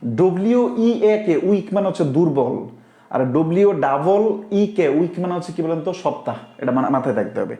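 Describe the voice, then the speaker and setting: Man, online English teacher, live class, step-by-step explanations, reads viewer comments, slightly high voice. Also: sing-song, moderate pace, dark tone, reverberant. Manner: explains step by step, often asks the class if they understood. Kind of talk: live-streamed Bengali grammar class.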